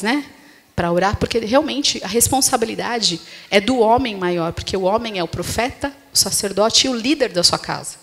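A woman's voice: mid-range voice, a bit bright. A woman pastor with a Brazilian Portuguese accent preaching a sermon in a conversational way, often checking in with the congregation through tag questions. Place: church hall. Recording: long reverb of a church hall.

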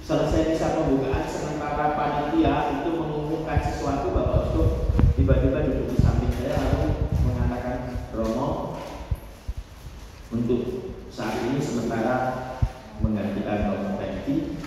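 A man's voice: medium pitch, fairly even intonation, moderate pace, long pauses, noisy background. A priest in his forties giving an informal, reflective birthday speech into a handheld mic, telling a story and working through numbers aloud. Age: 40s. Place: large church hall with tiled floor. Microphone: handheld microphone, filmed from far. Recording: echoey hall from far off.

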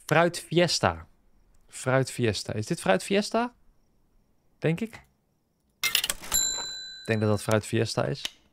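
A man's voice: a little high, big pitch swings, takes it slowly, creaky, long pauses. A man casually commentating on a game he is playing, joking and bantering with the characters on screen. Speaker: gaming video host. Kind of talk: casual let's-play commentary.

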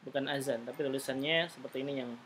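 A man's voice: mid-range voice, steady tone, fast talker, a bit bright, a little hiss or hum. A man teaching an Arabic class, patiently drilling pronunciation and tagging sentences with "gitu, ya". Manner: patient, repeats "gitu, ya" tags. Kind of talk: online class instruction.

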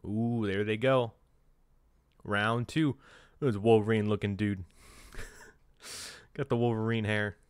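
A man's voice: on the low side, steady tone, slow pace, long pauses, clear, resonant tone, no room sound, studio quality. A man casually reading a comic aloud, joking and making sound effects himself. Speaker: comic reader. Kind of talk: casual comic read-along with commentary.

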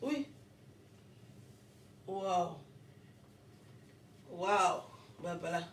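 A woman's voice: fairly low pitch, expressive, drawn-out words, a bit bright, distant mic, a little hiss or hum. A woman vlogging casually as she opens gifts, exclaiming often and thanking over and over. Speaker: vlogger and comedian. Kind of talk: casual unboxing vlog. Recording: roomy echo, voice away from the mic.

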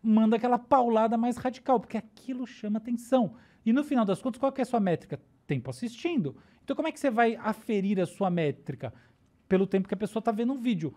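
Brazilian woman, neuroscientist guest, mellow tone, casual explainer who keeps checking in with the listener. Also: fairly high pitch, expressive, fast talker. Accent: Brazilian Portuguese.

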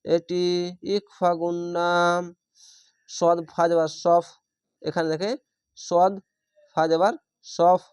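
A man teaching Quran reading in Bengali style, spelling out each letter and vowel, then chanting the drawn-out word. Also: high voice, level tone, darkish tone, clear, resonant tone, no echo, clean studio sound. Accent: Bangladeshi Bengali. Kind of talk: spelling-out recitation lesson.

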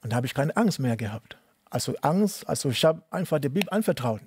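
A middle-aged man from Cameroon telling his life story in an interview, speaking halting, non-native German with many restarts and repeated words. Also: mid-range voice, animated, husky. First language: not German. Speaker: interviewee, tennis coach. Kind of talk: personal testimony interview.

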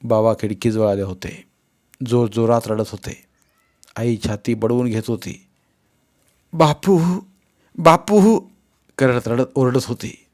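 A man narrating a novel in the first person, in an expressive, grave storytelling manner as an audiobook reader. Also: fairly low pitch, measured pace.

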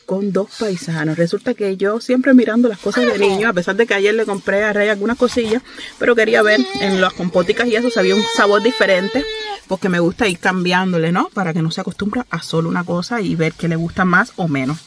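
A woman's voice: mid-range voice, a little fast, slight background noise. A Cuban woman in her thirties with a Cuban Spanish accent, telling a story to her phone camera from the back seat of a car. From Cuba. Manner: chatty, animated, laughs often. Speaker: vlogger. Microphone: phone held at arm's length.

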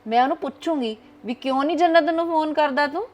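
An actress playing an older grandmother who talks to her granddaughter in a warm but bossy way. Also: sits high, quick pace, natural voice. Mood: doting. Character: doting grandmother, protective and firm.

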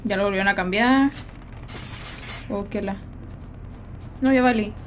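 A woman's voice: medium pitch, unhurried, a little hiss or hum. A young adult woman with a Mexican accent, chatting casually and teasing her viewers while she plays a game on a livestream. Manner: slangy, teasing, reads out and greets chat while playing. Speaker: streamer. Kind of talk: casual gaming livestream chat.

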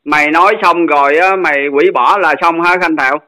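A man's voice: a little high, fairly even intonation, a little fast, pushed and bright. A man, confronting someone on a phone call and insistently demanding an answer. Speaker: channel host in a dispute. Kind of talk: heated phone argument.

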